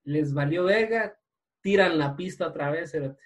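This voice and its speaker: A man's voice: on the high side, normal speed. A Guatemalan man in his thirties, co-hosting a podcast in casual chat, rambling through a story in crude slang. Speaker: podcast co-host.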